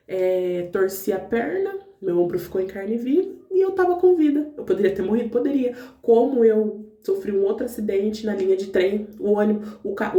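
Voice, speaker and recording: A woman's voice: on the high side, mellow. A woman giving her faith testimony to the camera in casual, earnest talk. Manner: earnest, talks straight to viewers. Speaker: vlogger sharing her testimony. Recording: roomy echo, distant mic.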